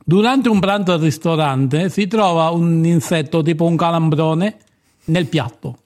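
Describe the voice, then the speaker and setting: A man acts out a cantankerous comic quiz master in a radio sketch. The voice sits high, rambling through absurd etiquette questions in a blunt, crude, easily riled way. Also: a little slow, a little mellow, close to an everyday voice. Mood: impatient, pedantic.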